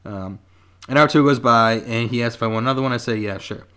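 A man in his twenties reading a story aloud on a casual podcast, laid-back and quick to laugh, swearing freely. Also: medium pitch, fairly bright tone, clean tone.

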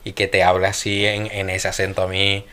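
A man's voice: sits low, brisk, smooth. A young man with a Venezuelan accent, co-hosting a casual chat and slipping into slangy, joking talk. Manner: relaxed, slangy, mimics accents for laughs. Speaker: podcast co-host.

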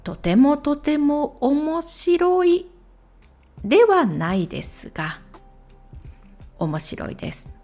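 A woman speaking slowly and clearly in simple phrases, recommending channels with gentle asides. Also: sits high, big pitch swings, soft background music. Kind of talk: slow, clear talk for Japanese learners.

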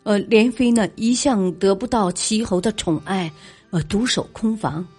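A woman voicing a nervous male attendant who reports haltingly with many fillers. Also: mid-range voice, a little mellow, husky, faint music behind. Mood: hesitant. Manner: hesitant, full of fillers.

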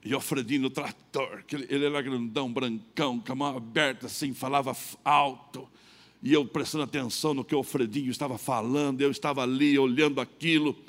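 A middle-aged pastor with a Brazilian Portuguese accent preaching a sermon, telling a personal story and acting out both sides of the dialogue. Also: male voice, mid-range voice, steady tone, a little fast. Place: church.

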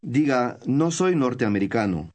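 A man of middle pitch leads a recorded language lesson. He reads scripted prompts calmly and evenly, explaining pronunciation and telling the learner what to say next. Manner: calm, measured prompts to the listener. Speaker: course instructor.

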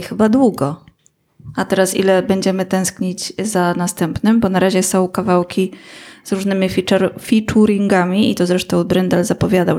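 A woman's voice: on the low side, creaky, dark tone. A woman co-hosting a podcast, chatting casually and teasing her co-hosts. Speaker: podcast co-host. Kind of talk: casual chat.

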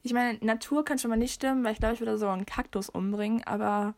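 A woman's voice: fairly high pitch, steady tone, fast talker, darkish tone, no echo. Giggly young woman, dry close sound. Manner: bubbly, giggly, mixes in English words. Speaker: podcast co-host. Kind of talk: casual chat, reading a quiz aloud.

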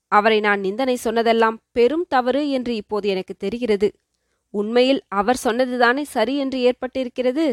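A woman voicing a young male prince who speaks gently and firmly to his beloved, in a storybook reading. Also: fairly high pitch, no echo, studio quality, close to an everyday voice. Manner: gentle, reassuring.

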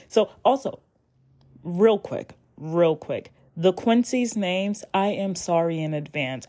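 A young adult woman hosts a casual podcast where she recaps anime, rambling and animated, often restarting and swearing casually. Her voice is on the low side.

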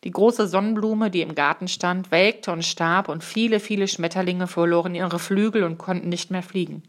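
Woman, children's audiobook reader, calm and measured, lower voice, small self-corrections. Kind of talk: reading a children's book aloud.

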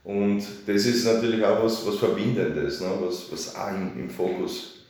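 A man speaks in a low voice, easy and chatty. He explains his festival with loose, rambling sentences and keeps tossing in little tags to draw agreement. The room around him rings with strong echo. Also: normal speed, darkish tone. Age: 30s. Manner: chatty, filler-heavy, asks for agreement. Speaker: festival organizer. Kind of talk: casual radio interview. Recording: very echoey room.

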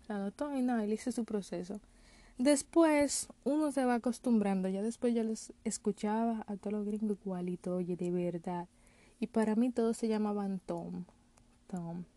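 A woman's voice: medium pitch, dark tone, no echo. A woman, telling a casual personal story to her vlog audience and mixing in English work words. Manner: chatty, mixes in English call-center words. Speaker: vlogger.

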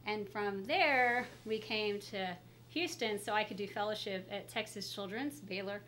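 A woman's voice: mid-range voice, unhurried, fairly bright tone, a little hiss or hum, rough recording. Chatty woman talking through a face mask. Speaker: guest pediatrician. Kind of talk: casual interview, telling career story. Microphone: speaking through a face mask.

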